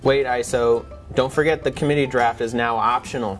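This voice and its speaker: Casting: male expert presenter, average pitch, patiently walking a listener through a process conversationally, soft music underneath. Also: fairly even intonation, moderate pace. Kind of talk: semi-scripted explanatory dialogue.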